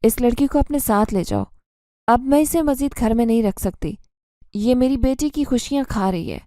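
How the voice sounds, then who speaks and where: Woman playing a cruel stepmother, high, shouting, scolding, warm and dry. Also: no room sound, close to an everyday voice. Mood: cold. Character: cruel harsh stepmother, middle-aged woman.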